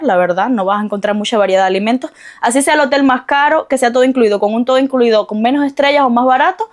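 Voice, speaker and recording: A Cuban woman with a Cuban accent giving travel tips in a fast, high, chatty voice. She rambles a little and speaks frankly to her viewers, like a casual vlogger. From Cuba. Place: Mexico.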